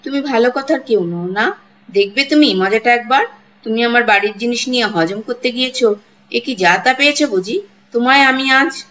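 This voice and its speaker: Woman voicing a harsh old village woman, shrill, scolding, threatening, high and sharp, storybook reading. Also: moderate pace, close to an everyday voice, poor audio. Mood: furious. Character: harsh, bullying older village woman accusing a girl.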